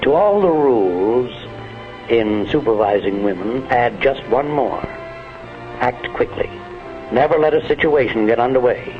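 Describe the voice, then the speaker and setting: An actor playing a genial, condescending middle-aged American plant manager, lecturing in a measured way in 1940s instructional film style. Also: male voice, mid-range voice, animated, soft background music, natural voice. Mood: advising. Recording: muffled, noisy 1940s film soundtrack.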